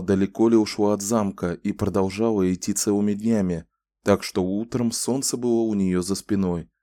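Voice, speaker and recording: A male audiobook narrator with a low, dark, mellow voice, telling the story in a calm and measured way. He sits close to the mic, and the recording is dry, with no room sound. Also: no echo.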